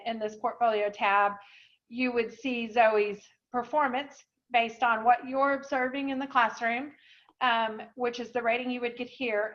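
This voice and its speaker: A woman presenting an online software webinar, explaining in a chatty way with many fillers, a little out of breath. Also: fairly high pitch. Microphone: video call. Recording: dull lo-fi online call audio.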